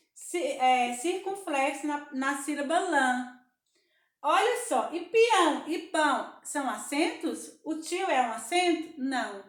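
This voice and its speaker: A young Brazilian woman teaching small children with a high, sing-song voice. She coaxes them along, asks questions and answers them herself. The sound is roomy and echoey, like a bare classroom. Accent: Brazilian Portuguese. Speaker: primary school teacher.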